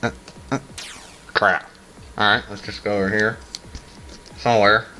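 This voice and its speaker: Halting man commentating on a gaming challenge. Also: lowish voice, flat delivery, pushed and bright. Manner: halting, exclamatory, muttering asides. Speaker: gaming video host. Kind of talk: casual challenge gameplay commentary. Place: small room indoors. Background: music.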